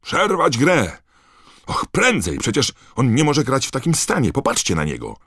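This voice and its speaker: A deep-voiced man voicing an excitable teenage boy shouting indignantly at a match. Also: moderate pace, husky, no echo, clean studio sound, heavily acted. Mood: frantic. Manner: loud, frantic, indignant.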